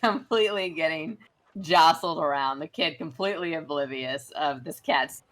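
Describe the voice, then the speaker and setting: A woman's voice: deep voice, normal speed. A woman narrating as game master, chatty and giggly with lots of filler words.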